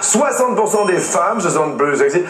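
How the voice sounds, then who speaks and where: A man hosting a TV quiz, playful and lively, giving clues to contestants in an echoey studio. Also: high voice, normal speed. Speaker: quiz show host.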